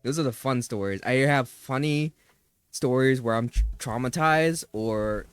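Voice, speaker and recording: A young man hosting a podcast, telling childhood stories in a lively way, laughing and swearing freely. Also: medium pitch, a little slow, clean tone, dry recording, faint music behind. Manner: animated storyteller, laughing, swearing. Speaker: podcast host. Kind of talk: casual chat.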